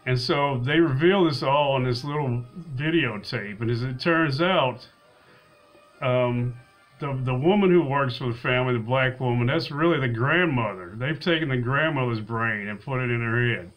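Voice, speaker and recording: A man's voice: medium pitch, moderate pace, a bit bright, poor audio. Guy going over a movie plot, loose and rambly, lots of restarts and ums. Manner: rambling, with frequent restarts and fillers. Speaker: movie reviewer. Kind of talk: casual spoken film recap.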